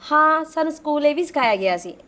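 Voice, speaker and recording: A woman's voice: high-pitched, animated, a little fast, fairly bright tone. A young woman acting as a polite, educated and patient helper in a family drama. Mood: soothing. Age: young adult. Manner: polite, soothing, respectful.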